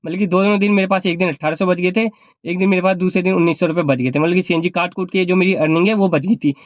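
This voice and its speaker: Talking fast in a high, fairly even voice, a vlogger who is also a cab driver offers casual advice, going over his points repeatedly. He has a sore throat and holds back his volume, and the recording is dry and muffled.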